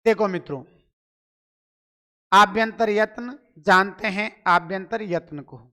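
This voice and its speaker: Man, teacher, live online lesson, smooth clear voice, repeats every point in call-and-response. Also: high-pitched, takes it slowly, bright, forceful tone. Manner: asks questions and answers them himself, with lots of repetition; keeps urging listeners to reply in chat.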